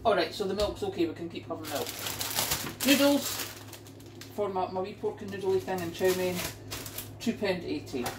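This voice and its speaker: A woman's voice: on the low side, animated, moderate pace, noisy background. Chatty middle-aged British woman in her kitchen. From United Kingdom. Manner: chatty and exclamatory, indignant about prices. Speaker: vlogger showing a grocery haul. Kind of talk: casual chat to camera. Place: home kitchen. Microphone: camera pointed down at a kitchen counter.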